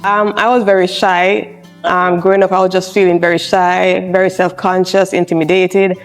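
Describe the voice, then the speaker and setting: A woman, a charge nurse speaking in a personal interview in a soft-spoken, reflective, encouraging way. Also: fairly low pitch, level tone, normal speed. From Jamaica. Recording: soft music underneath.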